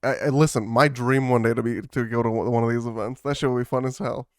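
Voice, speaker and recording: Guy rambling on a podcast, smooth clear voice, super dry close sound, says um a lot. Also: mid-range voice, steady tone, fast, no echo. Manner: rambling, lots of fillers and swearing. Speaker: podcast co-host. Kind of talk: casual chat.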